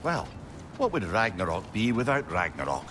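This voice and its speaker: An actor playing a wry, boastful old sage and loyal comrade in a video game, wordy and theatrical. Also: male voice, lowish voice, big pitch swings, moderate pace, noisy background. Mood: wry, resigned. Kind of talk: video game dramatic acting.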